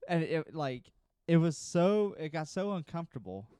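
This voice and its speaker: A man's voice: on the high side, very animated, moderate pace, mellow, clean tone, no echo. Laid-back rambling podcast co-host man. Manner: rambling, laid-back anecdotes full of fillers. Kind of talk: casual podcast chat.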